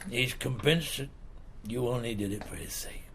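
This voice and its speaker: This radio drama performer voices a tough, sharp-minded middle-aged police chief who interrogates slowly, pausing between lines. The man's gravelly, husky delivery sits at medium pitch with a fairly bright tone, and the mood is grave and insistent.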